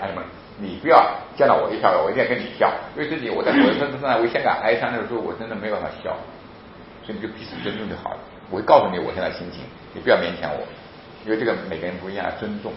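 Animated man preaching in an echoey room. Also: fairly low pitch, rapid-fire. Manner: animated, laughs often, acts out children. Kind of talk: lively sermon-style lecture. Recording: very echoey, dull lo-fi with faint noise.

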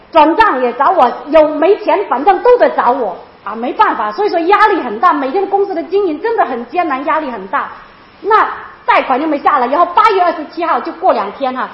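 High, fast-talking woman in an echoey room. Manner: animated, emotional retelling with many repeats. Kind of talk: personal testimony storytelling. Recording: roomy, dull lo-fi sound.

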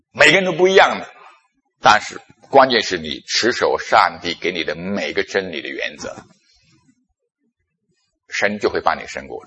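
A man preaching a sermon, telling stories from his own life and acting out his past self in animated bursts. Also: lowish voice, breathy edge, muffled recording. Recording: long echo of a large hall.

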